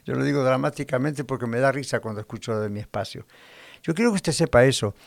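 A man's voice: medium pitch, brisk, gravelly, dry recording. A man preaching on the radio as a pastor, emphatic, repeating words as he presses his points and acting out his listeners' complaints. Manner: acts out listeners' quoted complaints. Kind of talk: radio sermon.

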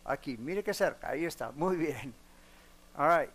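A man's voice: a little high, expressive, a little slow, fairly bright tone. A man preaching a sermon in a church, speaking earnestly and putting direct questions to the congregation, with a few English words mixed in. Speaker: pastor. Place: church sanctuary. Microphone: broadcast on radio and online.

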